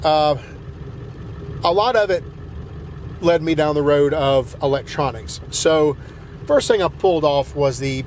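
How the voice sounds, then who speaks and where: A man's voice: a little high, a little slow, pauses often, darkish tone. A middle-aged man with a Southern US accent telling a long story while driving, rambling with many fillers and restarts, recorded by a dash camera in a pickup cab. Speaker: truck vlogger. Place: inside a pickup truck cab, driving in snow. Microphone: dash-mounted camera. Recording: road noise behind.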